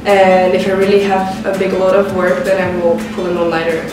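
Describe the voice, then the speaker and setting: A woman's voice: medium pitch, vocal fry. A young woman from France, a third-year architecture student describing her school day in a matter-of-fact way. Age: young adult. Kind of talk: casual interview. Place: architecture studio indoors. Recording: very echoey room from a distance, music over.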